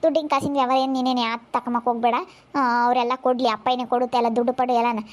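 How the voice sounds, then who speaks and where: A woman chatting in a family vlog, brisk and reassuring. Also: a little high, little pitch movement. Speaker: family vlogger. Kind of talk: casual family chat.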